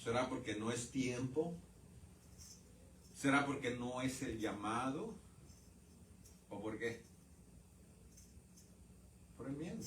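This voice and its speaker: A man preaching a sermon in a church, calling his listeners brothers and swinging from loud outbursts to quiet asides. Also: mid-range voice, slow, pauses often, far from the mic, slight background noise. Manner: addresses the congregation as brothers. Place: church sanctuary. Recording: roomy church sound from off-mic.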